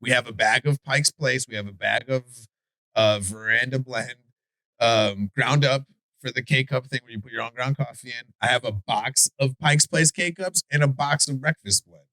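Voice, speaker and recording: A man with a Chicago accent co-hosting a podcast in casual debate chat, animated and profane, stumbling and restarting his sentences. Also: medium pitch, moderate pace, no echo. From Chicago area. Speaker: podcast co-host.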